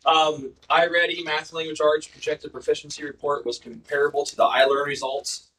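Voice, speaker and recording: A man's voice: a little high, flat delivery, a little fast, pushed and bright. A man reporting school test and attendance results to a school board, informal and full of ums and uhs. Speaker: school district administrator presenting data. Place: school board meeting room. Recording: distant microphone in a meeting room.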